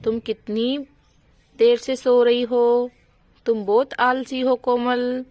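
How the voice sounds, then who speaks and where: A woman voicing a bossy elder sister-in-law in a doll storybook, scolding loudly. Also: high voice, level tone, slow pace, dry recording, muffled recording. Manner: loud, scolding and nagging.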